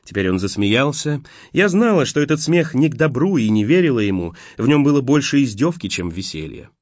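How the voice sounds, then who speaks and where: Brief: man, expressive audiobook narration, animated intonation, dull dry lo-fi recording. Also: medium pitch, fairly quick, no echo. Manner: expressive reading. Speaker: audiobook reader. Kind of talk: scripted first-person narration.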